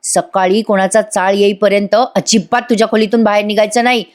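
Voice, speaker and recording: A woman voicing a cold, threatening young woman who speaks slowly and hard. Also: medium pitch, little pitch movement, a little mellow, natural voice. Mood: menacing. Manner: slow, hard, menacing.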